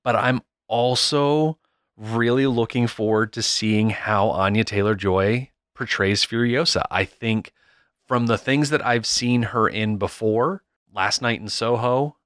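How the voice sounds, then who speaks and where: A podcast co-host in casual chat, talking about a film trailer in a relaxed, rambling way. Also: mid-range voice, a little slow, clean tone, dry recording, studio quality.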